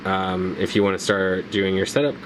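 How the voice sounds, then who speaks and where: A man's voice: low-pitched, little pitch movement, moderate pace, noisy background. A man giving a casual, laid-back tutorial as a motovlogger, talking informally with plenty of slang. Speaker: motovlogger presenting a gear tutorial.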